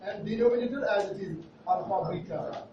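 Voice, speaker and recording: A man's voice: high-pitched, a little fast. A man with an Indian accent teaching maths to a class in a playful, teasing way, checking in with questions. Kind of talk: interactive classroom lesson. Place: classroom at a board. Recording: echoey, noisy, muffled classroom, far from mic.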